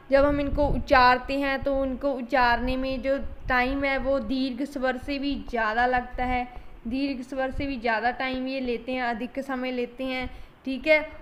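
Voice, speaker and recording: A woman teacher gives an online exam-prep lecture, repeating points and calling her students children. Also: high voice. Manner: repetitive, coaxing, addresses students as children. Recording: dull lo-fi audio with faint hiss.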